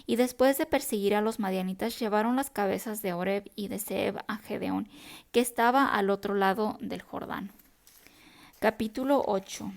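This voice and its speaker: A woman's voice: medium pitch, vocal fry. Woman reading scripture aloud. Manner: steady, unhurried reading aloud with small self-corrections. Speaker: Bible reader. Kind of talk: devotional Bible reading.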